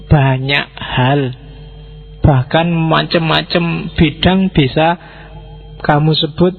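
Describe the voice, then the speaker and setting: A man giving an informal philosophy lecture to students, chatty and teasing, acting out quick exchanges and mixing in words. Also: a little high, phone-quality sound.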